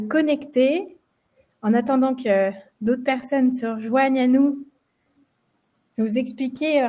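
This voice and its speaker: A woman's voice: a little high, mellow. Hesitant French woman hosting a webinar. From France. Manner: many fillers, hesitant restarts. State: slight frog in the throat. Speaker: webinar host, marketing manager. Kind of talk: live webinar presentation.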